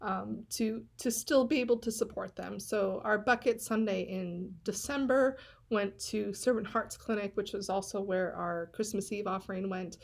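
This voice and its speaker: A woman's voice: mid-range voice, fairly even intonation, moderate pace, gravelly, hardly any pauses. A woman pastor hosting a casual, enthusiastic chat. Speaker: pastor and host.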